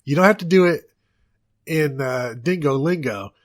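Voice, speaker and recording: A man's voice: on the high side, normal speed. Joking American man hosting a podcast. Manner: joking, animated, rambling asides. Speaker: podcast host. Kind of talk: casual podcast chat.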